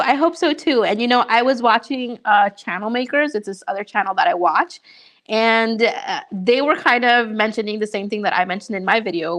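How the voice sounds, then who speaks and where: On a casual livestream, a young Honduran YouTuber talks with viewers and answers what they ask. Her voice is mid-range and a bit bright, and her upbeat chatter is packed with fillers.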